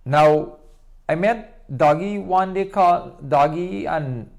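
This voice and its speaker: A man's voice: high-pitched, slow. Podcast host telling his side of a story. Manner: storytelling, stumbling over words at times. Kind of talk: solo podcast monologue.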